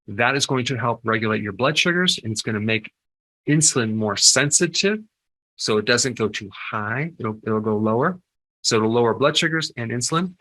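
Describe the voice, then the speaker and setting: A man's voice: medium pitch, sharp tone, low-quality recording. An older man, a health educator, giving advice in an informal talk and often stopping to ask "okay?". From United States. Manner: conversational, punctuates points with "okay?".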